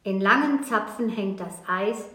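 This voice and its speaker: A woman reading a rhymed children's story aloud, slow and measured, in a steady verse rhythm. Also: medium pitch. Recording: echoey room, faint noise.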